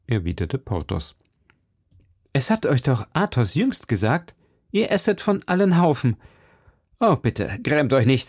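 A blustering, boastful musketeer with a loud, lively voice that leaps up and down, as a man puts him on. He lectures and booms with a gravelly edge. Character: boastful hot-tempered male musketeer.

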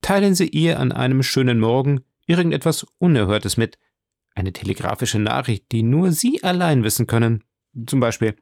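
A man's voice: mid-range voice, vocal fry, a little mellow, dry recording, clean studio sound. A man voicing an earnest young vicomte in an audiobook, raising his voice to play him. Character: young eager male vicomte.

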